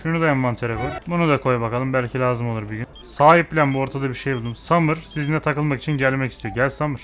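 A young man giving casual, excitable gameplay commentary, chatting to and scolding the game characters with playful swearing. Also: mid-range voice, fast talker, soft background music. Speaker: gamer.

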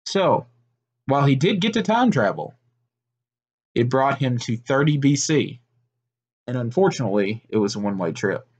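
A man narrating a made-up story in a steady, unhurried way, with small slips and restarts. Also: medium pitch, breathy edge, highs cut off.

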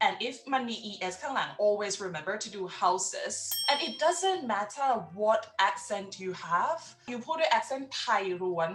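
A woman's voice: medium pitch, a bit bright, echoey room. A woman tutor giving an upbeat recap of an English lesson, mixing Thai with English phrases.

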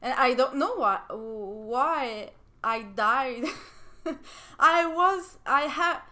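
A young French woman with a French accent, chatting excitedly while playing a game, laughing often and breaking into squeals and shouts. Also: high-pitched, very slow. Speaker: game streamer. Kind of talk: casual gameplay commentary.

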